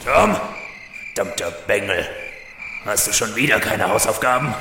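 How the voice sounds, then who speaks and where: Grumpy strict teacher, low gravelly croak, swoops when he scolds, audio drama. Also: expressive, normal speed. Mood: irate, scolding. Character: stern, scolding male schoolteacher, irate and pompous. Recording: echoey, noisy scene with insect ambience.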